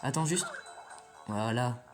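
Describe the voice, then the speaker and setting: A man's voice: mid-range voice, expressive, takes it slowly, over music. Chatty man rambling over gameplay. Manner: chatty and rambling, swears casually, talks to viewers. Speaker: let's play host. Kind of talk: casual gameplay commentary.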